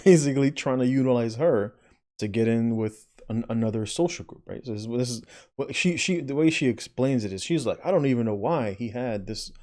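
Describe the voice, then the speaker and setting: Man, reaction commentator, blunt and repetitive, dark mellow tone. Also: medium pitch. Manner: blunt, keeps tagging "right?", swears. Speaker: video commentator. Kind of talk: reaction commentary on a played clip.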